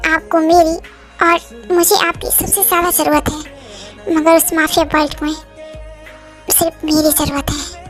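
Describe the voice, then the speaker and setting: Girl doing a stubborn young mafia queen wife, super high voice, faint music behind. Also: fairly bright tone. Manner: insistent, pleading then tender. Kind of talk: Hindi fan dub acting.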